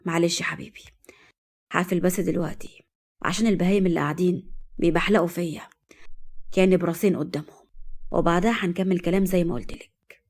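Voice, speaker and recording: Woman doing a tough Egyptian young man, low hushed voice, brisk audio drama delivery. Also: fairly even intonation. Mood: tender hushed.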